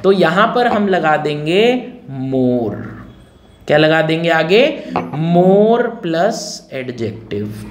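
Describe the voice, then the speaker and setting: A male grammar teacher leading a classroom lesson, repeating key words and firing check questions at his students. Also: high voice. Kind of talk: classroom grammar lesson in Hindi mixed with English. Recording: roomy echo with faint noise.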